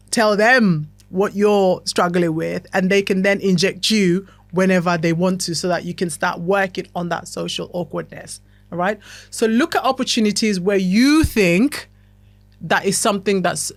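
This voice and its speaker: A woman's voice: medium pitch, dry recording. A woman hosting a podcast, giving a motivational self-help talk in a chatty, talkative way that keeps checking in with the listener. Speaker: podcast host.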